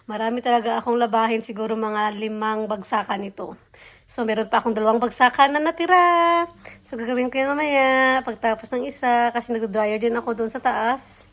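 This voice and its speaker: A woman's voice: a little high, steady tone, a little fast, fairly bright tone. A young woman, chatting casually to her viewers at home in a vlog, cooing now and then at her baby. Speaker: vlogger, mother.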